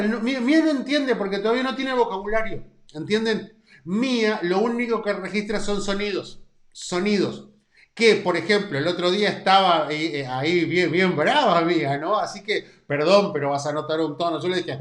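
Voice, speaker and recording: A man with a Rioplatense Spanish accent in his thirties, teaching a Bible study class in an animated, emphatic way and often checking in with his listeners. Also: sits high, moderate pace, echoey room.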